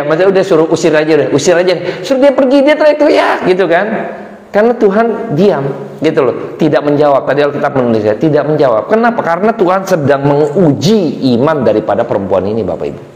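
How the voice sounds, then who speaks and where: A middle-aged man preaches in a loose, conversational way, full of fillers and asides. His voice sits a little high for a man. The sound carries the echo of a large hall with a long reverb tail. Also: animated, a little fast, a little mellow. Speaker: pastor. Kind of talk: sermon.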